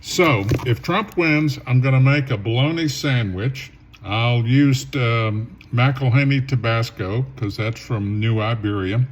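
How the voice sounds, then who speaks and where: Man, casual cooking-vlog host, slow and opinionated. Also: medium pitch, slight background noise. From southern Louisiana. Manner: rambling, opinionated asides. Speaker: home cooking show host.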